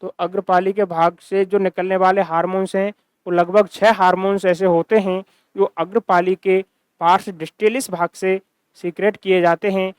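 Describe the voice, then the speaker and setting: High-voiced male science teacher, crisp and dry. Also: little pitch movement, normal speed, dry recording. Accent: Hindi-speaking Rajasthan region. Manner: repeats key terms, asks and answers own questions. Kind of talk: recorded classroom-style lecture.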